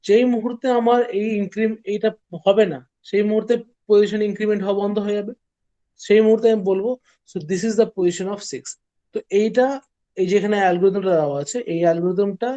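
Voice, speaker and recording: A man teaches a class in a warm, unhurried voice. He traces an algorithm one step at a time. He pauses often to ask whether his students have followed. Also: high voice, dull audio. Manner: steps slowly through an algorithm, checking that students follow. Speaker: lecturer. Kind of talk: classroom lecture.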